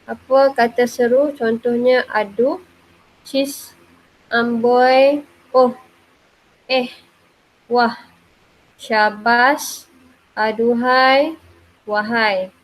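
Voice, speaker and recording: A woman's voice: a little high, fairly even intonation, poor audio. A woman teacher giving a grammar lesson, who says "okay" again and again as she explains step by step. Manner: says "okey" often, slow and explaining. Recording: faint background noise.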